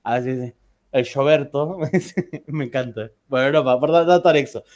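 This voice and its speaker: A man teaching a class trades joking anecdotes in a chatty manner, with frequent restarts and an Argentine Spanish accent. He talks fairly quickly in a mid-range, slightly mellow voice.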